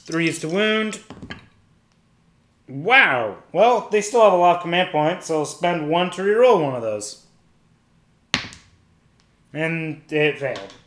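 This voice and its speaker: A man's voice: high voice, very animated, a little slow, a bit bright, a little hiss or hum. A man casually narrating a solo tabletop wargame, calling out each dice roll step by step and thinking aloud. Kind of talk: casual play-by-play of dice rolls. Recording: echoey room.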